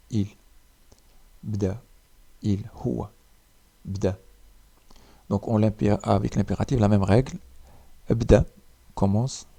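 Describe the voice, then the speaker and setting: A man teaching a spoken language lesson, repeating each word slowly with pauses. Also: on the low side, gravelly, dark tone, breathy edge.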